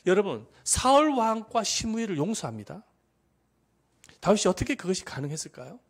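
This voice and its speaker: Man, pastor, sermon, slightly high voice, husky, animated delivery. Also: fairly quick. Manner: lively, asks the congregation questions; acts out quoted speakers.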